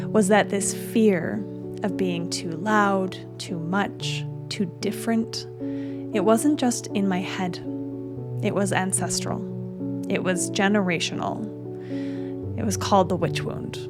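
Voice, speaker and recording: A woman in the host's chair of a spiritual podcast, with a voice of ordinary pitch. She talks in a soft, earnest, unhurried way, and music plays clearly beneath her. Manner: soft, earnest, measured delivery. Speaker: podcast host. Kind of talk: spiritual podcast narration and interview.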